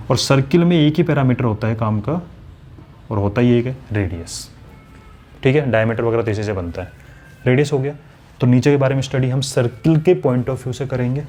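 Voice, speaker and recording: A man with a mid-range, dark-toned voice explains a maths lesson in class. He keeps it conversational, talks directly to his students, and acts out the questions they might ask.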